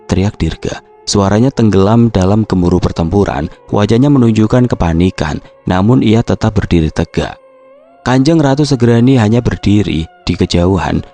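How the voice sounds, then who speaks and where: Narator horor pria bersuara berat dan gelap. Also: male voice, on the low side, warm tone. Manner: measured, dramatic storytelling. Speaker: horror story narrator. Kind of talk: dramatic horror story reading.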